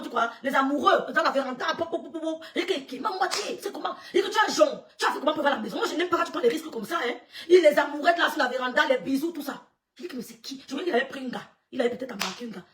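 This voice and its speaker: A woman telling a story live to her viewers, lively and laughing often, acting out what others said and greeting people as they join. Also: high-pitched, distant mic. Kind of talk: animated storytelling on a live stream.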